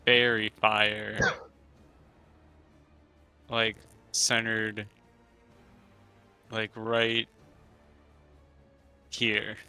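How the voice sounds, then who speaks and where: Very bright, slow-talking man. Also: lowish voice, completely flat delivery, clear, resonant tone, faint music behind. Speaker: tabletop game player. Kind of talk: casual game table chat.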